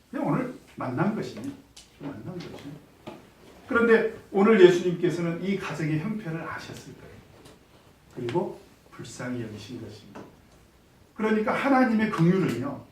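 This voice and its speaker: A man's voice: on the high side, darkish tone, a little hiss or hum. A man, a pastor leading a Bible study, who asks the group questions, answers them himself and acts out the quoted lines. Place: church room. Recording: echoey room, mic at a distance.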